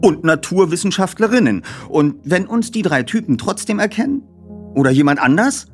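A man's voice: high-pitched, sing-song, normal speed, soft background music, voice pushed up. A man voicing a nervous, clumsy teenage boy detective who stammers and gets flustered. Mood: eager.

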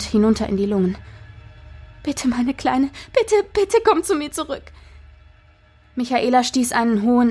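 A woman's voice: mid-range voice, a little mellow, husky. A woman narrating a dramatic audiobook in a tense storytelling manner.

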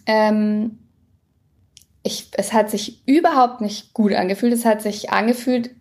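A woman's voice: medium pitch, fairly even intonation, unhurried, a little mellow. A woman in her late thirties co-hosting a podcast, talking frankly and with self-deprecating humor. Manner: candid, self-deprecating, laughs often. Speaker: podcast co-host. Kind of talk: frank casual conversation.

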